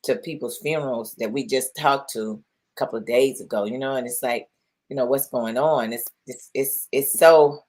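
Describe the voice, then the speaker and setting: This middle-aged woman has a bass voice with a darkish tone and talks at normal speed. As a podcast co-host in casual conversation, she chats freely, repeats herself a lot, and presses her guests with questions.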